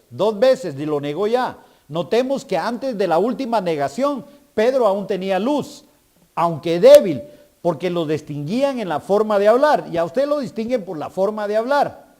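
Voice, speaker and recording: A man's voice: high voice, darkish tone. A male guest preacher delivering a sermon, calling for responses from the congregation and building to emphatic preaching.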